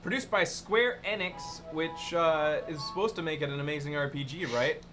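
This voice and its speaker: A man's voice: a little high, normal speed. A young man hosting a casual video game session and commenting as he plays. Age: young adult. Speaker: host playing a video game. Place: indoor studio set, seated on a couch. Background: video game music.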